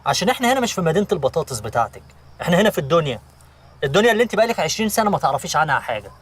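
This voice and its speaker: Brief: a cocky Egyptian hustler-driver, rattling off lines, pitch leaping around, mic a little off. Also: male voice, very animated, slightly rough, distant mic. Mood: bossy. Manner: mocking, teasing, rapid-fire bluffing. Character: fast-talking boastful male hustler driver. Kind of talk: comedy series acting.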